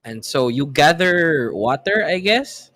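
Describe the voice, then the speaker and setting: A man's voice: on the high side, sing-song, slow pace, a bit bright, dry recording. A man with a Filipino accent narrating a tabletop game as game master, casual and improvising. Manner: casual, improvising, mixes in slang.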